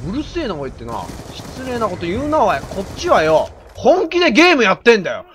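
Loud, theatrical male gaming commentator. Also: high voice, huge pitch swings, fairly quick, a little hiss or hum. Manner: loud, theatrical, bossy mock-commander banter; frequent shouting and rough slang. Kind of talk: game commentary.

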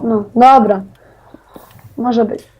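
A young teenage boy playing Minecraft with a friend, giggly and playful, trading quick jokes. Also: extremely high pitch, fairly even intonation, dark tone, muffled recording, a little hiss or hum. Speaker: co-player. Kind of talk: casual gaming banter.

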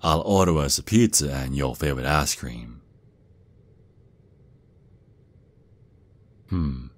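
In this expressive, dry recording, the same extremely deep, close voice plays a doting Southern werewolf dad for ASMR. His mood is loving as he drawls slowly and folksily, using pet names with the gruff manner of an army sergeant devoted to his child.

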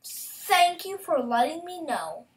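High-voiced woman chatting over gameplay. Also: takes it slowly, far from the mic. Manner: excitable, with sudden outbursts and soft asides. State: hiccuping. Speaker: gamer. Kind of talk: casual gameplay commentary.

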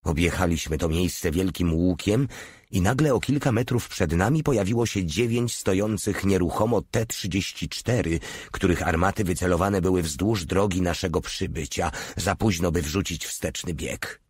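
A man narrating an audiobook in a steady, measured reading. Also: sits low, husky, no echo, clean studio sound.

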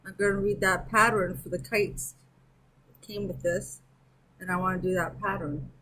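A woman's voice: fairly low pitch, fairly even intonation, normal speed, bright, forceful tone, breathy edge, rough recording. A woman hosting her own crochet channel, chatting casually through a yarn review and thinking aloud as she stitches and counts at home. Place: at home with an air conditioner running.

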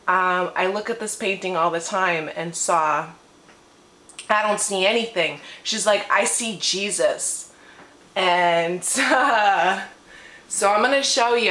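Speaking to camera in a mid-range voice with a sharp tone, a woman rambles through a casual personal testimony at home, still in her morning voice. She is long-winded, and her living room gives the audio a roomy echo with faint ambience.

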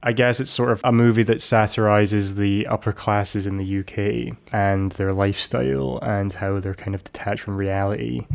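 Low-voiced man rambling through a recap. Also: steady tone, normal speed, gravelly, few pauses. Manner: rambling, full of restarts and asides. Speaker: podcast host. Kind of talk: casual chat, recapping a film.

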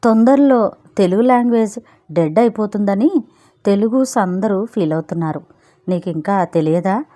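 Brief: dramatic, anxious young man, read by a woman in a storybook, mellow tone. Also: medium pitch, normal speed, natural voice. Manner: exclamatory, mixes English words.

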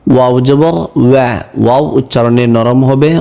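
A man teaching Quran reading in a slow lesson, spelling each word letter by letter and then chanting it. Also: medium pitch, steady tone, mellow. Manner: spells words letter by letter, then recites them in a drawn-out chant. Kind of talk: slow step-by-step recitation lesson.

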